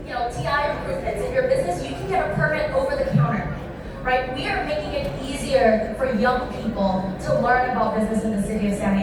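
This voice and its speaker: An eager woman in her thirties answers questions on a panel in a high, lively voice. She stands back from the mic in a big, very echoey room. A crowd murmurs behind her. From born in Thailand, raised in Southern California. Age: 30s. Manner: upbeat, eager, talks through lists. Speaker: city council member. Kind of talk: panel discussion remarks. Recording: echoey hall, distant mic, crowd noise.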